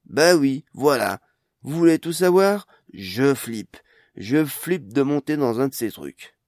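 A man voicing a blunt, anxious fifty-year-old dwarf woman in an audiobook, speaking in loud, exasperated outbursts. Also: mid-range voice, expressive, takes it slowly, dry recording, studio quality.

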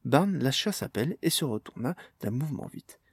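A man narrating a story in a steady, measured reading voice. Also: mid-range voice, husky, no echo, studio quality.

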